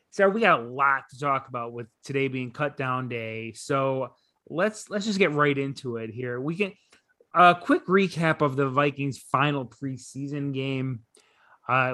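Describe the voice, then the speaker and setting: Man hosting a sports podcast, casual rambling delivery, dry close mic, mid-pitched voice. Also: measured pace, dry recording. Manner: relaxed, rambling with many fillers and restarts. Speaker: podcast co-host.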